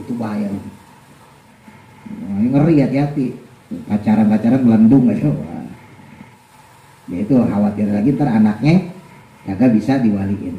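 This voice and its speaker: A man's voice: mid-range voice, roomy sound, rough recording. A man teaching an Islamic study class, reading Arabic text aloud and explaining it with jokes. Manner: lively, joking, reads Arabic text then explains. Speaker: religious teacher. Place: study gathering hall.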